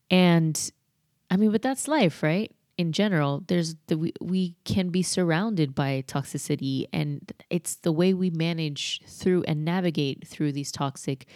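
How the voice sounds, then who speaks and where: A woman's voice: low-pitched, a little mellow, no room sound, clean studio sound. A woman hosting a solo podcast, rambling in a candid, reflective way as she thinks aloud. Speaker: podcast host.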